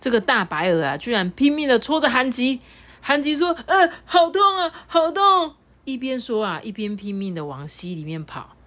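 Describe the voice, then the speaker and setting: A woman reading a children's picture book aloud, with chatty explaining asides. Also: low-pitched. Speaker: storyteller.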